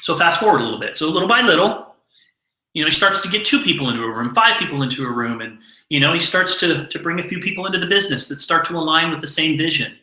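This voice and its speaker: Forceful, roomy-sounding male mentor. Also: fairly high pitch, lively intonation, fast. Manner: earnest, repeats words when stressing a point. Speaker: mentor giving a training. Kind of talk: motivational storytelling talk. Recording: echoey room.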